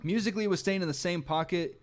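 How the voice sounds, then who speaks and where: A man's voice: high-pitched, fast. A man hosting a music reaction, thinking aloud as he analyses the lyrics and meaning of each song, with occasional restarts. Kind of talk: reflective song breakdown.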